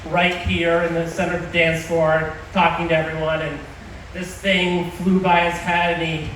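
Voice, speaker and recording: A man giving an informal wedding toast as the groom, speaking haltingly to his guests. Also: on the high side, flat delivery, fairly bright tone. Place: large reverberant venue with guests. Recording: echoey hall from far off, noisy crowd.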